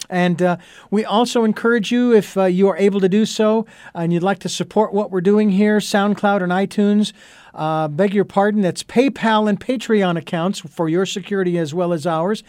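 A middle-aged man with a high voice hosts a radio talk show, wandering through his intro with plenty of "uh"s and restarts. The sound is dry and close, with no room around it. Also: a little mellow, no room sound. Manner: rambling, with many fillers and restarts. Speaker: host.

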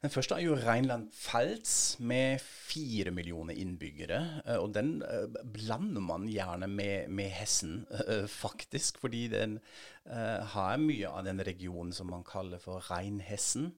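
A man from Germany, a native German speaker, co-hosting a podcast and explaining in a relaxed way with light laughs. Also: fairly low pitch. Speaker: podcast co-host. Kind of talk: conversational explainer.

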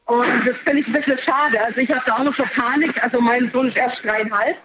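A woman's voice: a little high, steady tone, fairly quick. A woman in her thirties calling a radio show over a bluetooth headset phone line from her noisy workplace, answering plainly and briefly. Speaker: caller. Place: noisy parcel sorting center at work.

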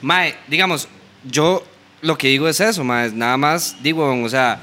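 A man's voice: fairly high pitch, pushed and bright. A young man from Costa Rica with a Costa Rican Spanish accent, a podcast guest ranting emphatically in slangy casual chat. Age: young adult. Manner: emphatic, slangy, fast rants.

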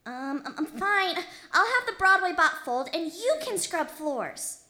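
A woman's voice: very high voice, big pitch swings, measured pace, pushed and bright, full character voice. A woman voicing a bossy young boy who is easily flustered, with a whiny, exasperated way of talking.

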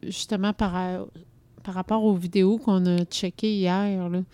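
A woman with a Quebec French accent chatting casually about music as a podcast co-host, calm and agreeable. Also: medium pitch, a little slow, smooth, dry recording.

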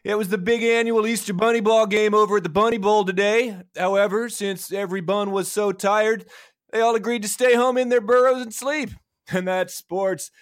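A woman's voice: medium pitch, fairly even intonation, normal speed, natural voice. A woman voicing a sleepy, breezy male rabbit sports reporter. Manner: breezy, offhand newsreader patter.

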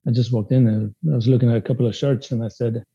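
Fast and flat, with a dark, slightly rough mid-range voice, this interview guest answers casual questions hesitantly, restarting often and using fillers. He's from a Spanish-speaking country, Spanish is his first language, and he was raised in Sweden; the audio is dull.

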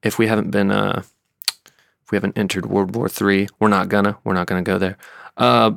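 An American man hosting a podcast in a laid-back, slangy way, with a smooth, sultry DJ-style voice. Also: on the low side, little pitch movement, a little fast, fairly bright tone, no room sound. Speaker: podcast host. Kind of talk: casual podcast talk and interview.

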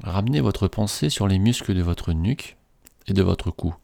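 Deep, gravelly man guiding relaxation. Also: expressive, dark tone, no echo. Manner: slow, soothing, measured. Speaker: relaxation guide. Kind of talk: guided relaxation script.

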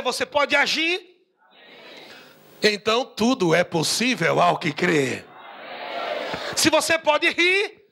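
Fervent male preacher, very high and bright, laughing and shouting through the sermon. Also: vocal fry.

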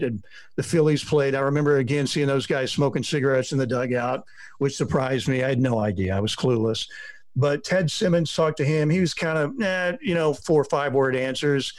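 A middle-aged male sports reporter rambles through stories on a casual podcast, acting out what people said. His voice sits in the mid range, and the recording has no room sound.

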